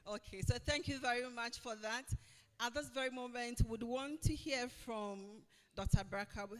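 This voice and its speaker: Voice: mid-range voice, moderate pace, a bit bright, clear, resonant tone, big-room sound. A moderator running a live fireside chat, upbeat and playful, speaking straight to the audience. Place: event hall.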